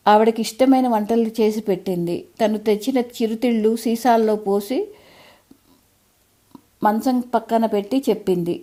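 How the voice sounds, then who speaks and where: A woman narrating a short story for an audiobook in a calm, measured storytelling manner. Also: a little high.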